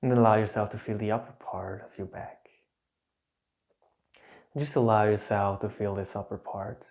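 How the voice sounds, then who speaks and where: A man instructs a calm grounding exercise in a low, very relaxed voice with a gravelly fry. His guidance is gentle and repetitive, with pauses between short soothing instructions.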